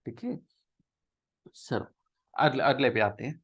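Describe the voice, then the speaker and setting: A man giving a devotional talk to viewers, coaxing them with repeated rhetorical questions, mixing English words into Hindi and slowly chanting Sanskrit verses. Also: mid-range voice, slightly rough. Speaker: devotional speaker.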